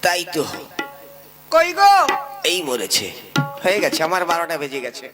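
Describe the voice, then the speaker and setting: A man's voice: on the high side, expressive, fast talker, loud music behind the voice. A man performing a comic sketch as a henpecked husband, with a wry, self-mocking, joking manner.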